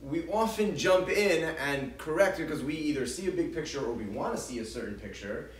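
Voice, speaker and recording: A man's voice: fairly high pitch, expressive, a little fast. Guy teaching a parenting class, chatty, acts out the kids' lines, echoey hall, mic kinda far off. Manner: conversational, acts out parent and child quotes, frequent restarts. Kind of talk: informal lecture to a group. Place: congregation hall. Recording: roomy hall, distant mic, faint ambience.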